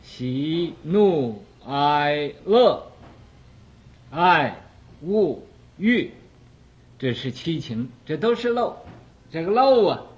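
A man delivers a Buddhist dharma lecture at a very slow, deliberate pace, his voice sitting a touch high. He fills the pauses with long "ah" sounds and brings each point to life by acting out small everyday scenes. The recording is dull and lo-fi, with the top end rolled off. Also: animated. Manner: slow and deliberate, with frequent drawn-out "ah" fillers. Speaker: Buddhist teacher.

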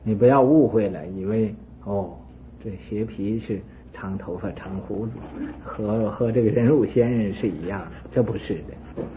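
Animated male preacher telling a story. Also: fairly low pitch, normal speed, a little hiss or hum. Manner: animated, swings between loud and soft. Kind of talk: sermon storytelling. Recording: narrow phone-like band.

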